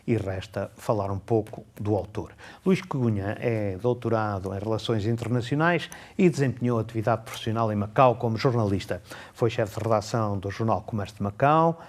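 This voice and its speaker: A man giving a measured spoken book review, slowing down to read passages aloud. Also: on the low side, darkish tone. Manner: measured, reads excerpts slowly and deliberately.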